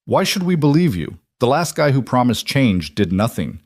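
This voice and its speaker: A man's voice: medium pitch, sing-song, normal speed, a little mellow, dry recording, pitched above the performer's own voice. Graying factory hand in his fifties, doubtful, raised voice, put on by a man, dry. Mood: skeptical. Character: gruff older male factory worker, doubtful.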